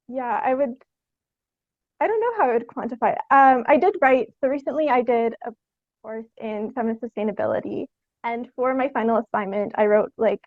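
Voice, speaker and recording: A young Canadian woman, a theatre artist appearing as a podcast guest, answers interview questions in a fairly high voice, thoughtful and hesitant, with "like" scattered throughout. The recording is very dry with no room sound, thin and slightly phone-like.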